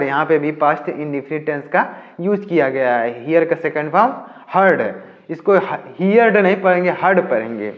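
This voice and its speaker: A man's voice: on the high side, muffled recording. A man teaching English by reading a story aloud, then explaining each word in Hindi.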